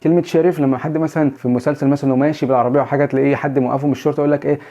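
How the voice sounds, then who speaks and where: Rapid-fire Egyptian man teaching. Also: mid-range voice, steady tone, mellow, highs cut off. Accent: Egyptian Arabic. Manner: chatty, repeats and restates points. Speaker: English teacher and channel host. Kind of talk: casual video lesson.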